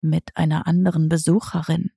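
A woman's voice: low voice, fairly quick, creaky, breathy edge, no room sound, clean studio sound, voice pushed down, exaggerated voice. A woman voicing a suave, riddling male talking cat. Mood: calm. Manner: calm, riddling, gently condescending.

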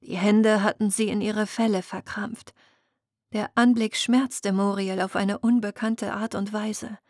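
Slow, steady female audiobook narrator. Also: mid-range voice, dry recording, clean studio sound. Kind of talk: scripted fantasy narration.

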